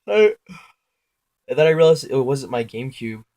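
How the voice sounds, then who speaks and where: A young man casually recounting his dreams in a halting, rambling way, full of filler words, self-corrections and casual swearing. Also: medium pitch, warm tone.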